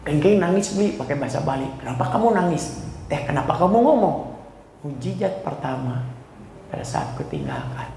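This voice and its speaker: Gravelly-voiced male preacher in an echoey hall. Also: a little high, expressive, brisk, slight background noise. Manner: emotional preaching, builds to loud exhortation, mixes in English phrases. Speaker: pastor. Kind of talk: sermon with testimony. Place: church hall.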